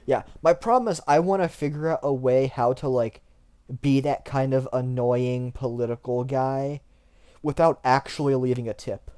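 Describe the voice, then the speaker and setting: A man's voice: mid-range voice, normal speed, warm tone, smooth. A man co-hosting a podcast in casual chat, with a dry, joking delivery. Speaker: podcast co-host.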